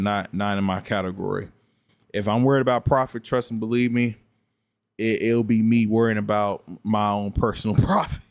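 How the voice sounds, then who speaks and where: A man's voice: on the low side, smooth, dry recording. Tired blunt man, late-night stream. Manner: repetitive, blunt, argumentative. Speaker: gaming streamer responding to another streamer. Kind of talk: late-night casual reaction commentary.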